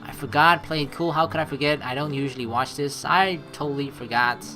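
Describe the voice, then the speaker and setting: A let's play streamer with a fairly high voice talks briskly over background music, close to the mic. He keeps up animated, casual commentary on his playthrough, reading narration aloud and joking with lots of swearing.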